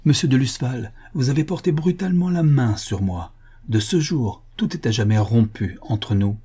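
A spirited young wife of seventeen, stubborn and proud, as a man puts her on in a lifted, husky register. She speaks with firm resolve and a mellow darkness under the lift. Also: normal speed, natural voice. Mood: cool resolve. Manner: resolute, raised pitch. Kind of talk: audiobook character reading.

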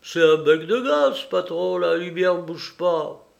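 Man putting on a jumpy young sidekick, higher pitch, gravelly, keeps saying boss. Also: measured pace, heavily acted. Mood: eager. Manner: excited, loud, deferential.

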